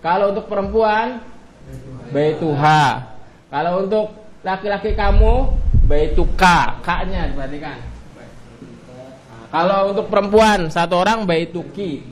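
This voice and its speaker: A man with an Indonesian accent teaching an Arabic grammar lesson, drilling each form with a rising cue and a falling answer, and drawing out the Arabic words slowly. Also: high-pitched, animated. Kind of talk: classroom lesson.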